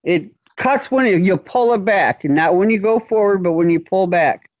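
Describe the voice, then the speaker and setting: A woman's voice: medium pitch, animated, moderate pace, dry recording, muffled recording. A woman chatting enthusiastically on a live stream, gushing about a new tool. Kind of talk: casual live stream chat.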